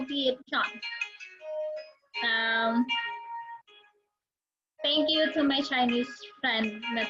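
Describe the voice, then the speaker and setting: High-voiced giggly Filipino woman vlogging. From Philippines. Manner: giggly, self-deprecating, chatty with many fillers. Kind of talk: casual vlog chat mixing Tagalog and English. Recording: slightly muffled with music playing behind. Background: background music.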